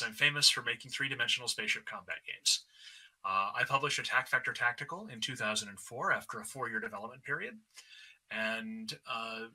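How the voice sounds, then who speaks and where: A man's voice: mid-range voice, bright, forceful tone, low-quality recording. A man designing games, explaining a virtual map demo on an online panel call. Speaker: game designer.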